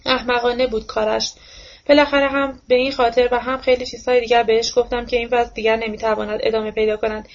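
Female audiobook narrator, steady literary reading, fairly high but flat-toned. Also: muffled recording. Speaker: audiobook reader. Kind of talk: novel narration.

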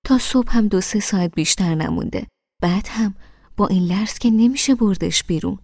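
A woman voicing a calm, reassuring older mother in a spoken story. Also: mid-range voice, no room sound, studio quality, lightly acted. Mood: soothing. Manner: reassuring, gentle.

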